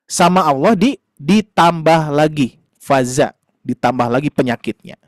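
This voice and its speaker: High-voiced male Quran teacher, patient. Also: unhurried, no echo, studio quality. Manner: patient, explanatory, addresses parents warmly as "Ayah Bunda"; frequent fillers and tag questions. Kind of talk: online class lesson.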